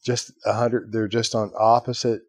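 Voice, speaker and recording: Casting: male podcast host, lowish voice, chatty storyteller, dry close sound. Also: level tone, normal speed, dry recording. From Ireland. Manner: storytelling, acts out quoted voices, fillers like "right?". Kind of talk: casual conversation.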